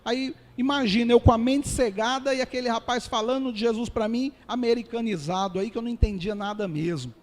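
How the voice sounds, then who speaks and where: A pastor with a Brazilian Portuguese accent gives an earnest testimony sermon, calling his listeners dear ones. His voice is very high, fairly quick, with few pauses, and long hall reverb fills the recording.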